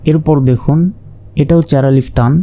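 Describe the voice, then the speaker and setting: A man teaching Quran reading, slowly naming and repeating each Arabic letter and explaining how to pronounce it. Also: medium pitch, fairly even intonation, dark tone. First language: Bengali. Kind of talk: slow letter-by-letter pronunciation lesson.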